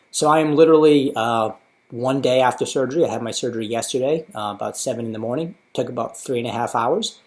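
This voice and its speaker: A man's voice: medium pitch, a little mellow. A man in his thirties with an American accent, talking casually and matter-of-factly in an informative personal video diary. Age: 30s. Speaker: patient sharing his surgery experience.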